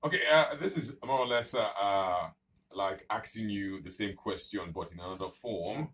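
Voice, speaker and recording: A man hosting a radio interview in a studio. He talks emphatically, like a presenter, and fills his pauses with "uh". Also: fairly low pitch, fairly bright tone. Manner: emphatic presenter, many fillers. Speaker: radio host.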